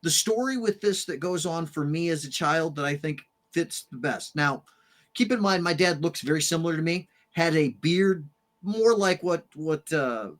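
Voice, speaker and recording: A man who is a parent and hosts a podcast, telling a story animatedly in casual chat and swearing freely. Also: on the high side. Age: adult parent. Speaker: podcast host. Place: streamed studio room.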